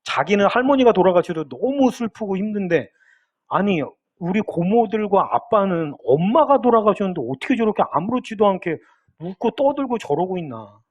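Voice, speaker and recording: Lively high-voiced Korean pastor preaching. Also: male voice, normal speed, lo-fi sound. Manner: storytelling, retelling a drama scene with quoted lines. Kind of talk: sermon. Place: church sanctuary.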